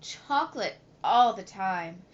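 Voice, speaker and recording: A woman's voice: a little high, very animated, measured pace. A woman voicing a young boy obsessed with chocolate, eager and insistent, in a slightly muffled recording with faint hiss.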